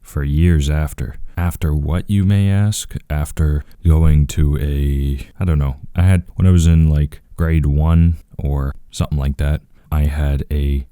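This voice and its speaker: A man talking casually and quietly into a close microphone for his vlog, in a laid-back, rambling way. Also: extremely low pitch, no room sound. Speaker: video creator.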